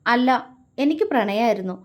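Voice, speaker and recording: A woman's voice: a little high, fast talker, close to an everyday voice. A woman voicing a tearful young wife in a romance story, stammering and sulking as she holds back tears. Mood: sulky. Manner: stammering, sobbing, sulky.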